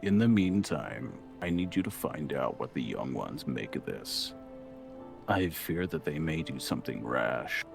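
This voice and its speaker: Man putting on a very deep, stern fantasy captain. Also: sing-song, a little slow, vocal fry, music in the background, full character voice. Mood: solemn resolve. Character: gruff, deep-voiced adult male resistance captain, stern but protective. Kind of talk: hammy fantasy game voice-over.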